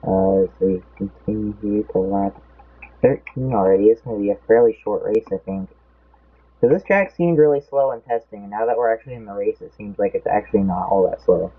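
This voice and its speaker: With a fairly low, breathy-edged voice and a fairly quick pace, a young man casually comments on a race. He rambles and loses track of his count mid-sentence; his voice feels off, and the audio sounds tinny, like a phone.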